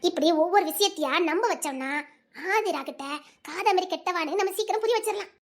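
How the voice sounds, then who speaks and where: A woman voicing a scheming young village woman who plots persuasively, with a Tirunelveli Tamil accent. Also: very high voice. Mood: plotting. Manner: fast, persuasive, conspiratorial. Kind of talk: Tamil serial drama dialogue.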